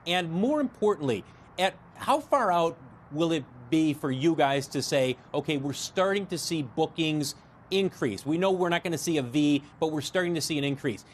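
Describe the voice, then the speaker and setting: A man's voice: a little high, lively intonation, moderate pace, slight background noise. An American man working as a television business reporter, putting questions in a news interview.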